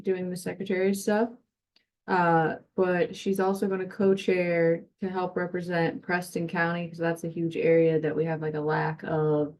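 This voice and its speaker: A woman's voice: low-pitched, a little mellow. A woman chairing a meeting, giving updates in an informal way.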